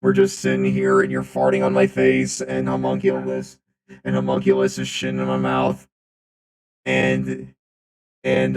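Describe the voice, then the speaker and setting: Guy streaming thru a booming metallic robot voice changer, super deep, draggy slow, keeps repeating himself. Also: rough recording. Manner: rambling, repeats phrases over and over. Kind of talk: casual live-stream chat.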